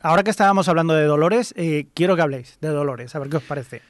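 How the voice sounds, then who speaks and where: A man from in a casual podcast chat, quick and jokey. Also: on the high side, dry recording. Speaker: podcast co-host.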